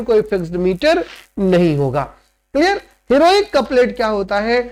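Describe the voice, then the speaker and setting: A man's voice: very high-pitched, darkish tone. A man lecturing on literature who explains step by step, drops in English terms and often checks that students follow. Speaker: literature teacher. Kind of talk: classroom lecture.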